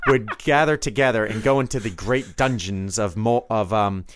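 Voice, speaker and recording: A man's voice: on the low side, moderate pace, noisy background. A man co-hosting a podcast, chatting casually and telling stories. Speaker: podcast co-host. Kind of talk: casual chat, storytelling.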